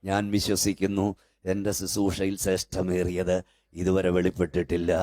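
An older man preaching a sermon as pastor in a church hall, with fervent repeated calls that build up to shouting. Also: low voice, monotone, normal speed.

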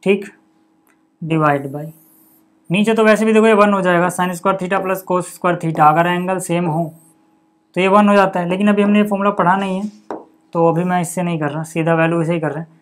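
Working through a solution on the board, this male maths teacher speaks briskly in a high voice with fairly even intonation. He reads each number and step in turn, repeatedly asks the viewer what comes next before answering it himself, and sprinkles in casual words such as "okay" and "buddy."

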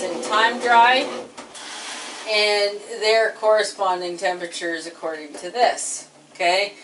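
A middle-aged woman walking viewers through her washer and dryer at home, unhurried and plainspoken with frequent ums. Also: mid-range voice. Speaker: home appliance reviewer. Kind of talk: casual product walkthrough. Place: home laundry room. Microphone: camera across the room. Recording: distant camera mic with loud hum.

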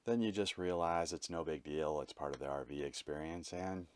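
A man's voice: a bass voice, moderate pace, clean tone, no echo. A man narrating his own travel vlog as a voice-over, telling his story in a candid, matter-of-fact way. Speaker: vlogger.

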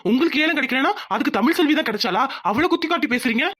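A woman's voice: high-pitched, expressive, racing, fairly bright tone, slight background noise. A woman voicing a young man who pleads with his father and protects his wife. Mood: pleading.

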